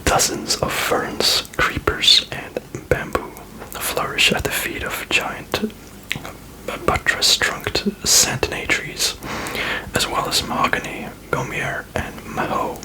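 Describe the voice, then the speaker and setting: Male ASMR reader. Sustained breathy whisper throughout, informal, reading text aloud with offhand comments. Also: slow, low-quality recording.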